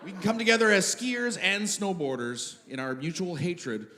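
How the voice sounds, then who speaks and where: A man performing a live stand-up comedy set, animated, firing off rhetorical questions and shouting out punchlines. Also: high voice, moderate pace. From Canada. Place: live comedy show in a venue. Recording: live venue with loud audience noise.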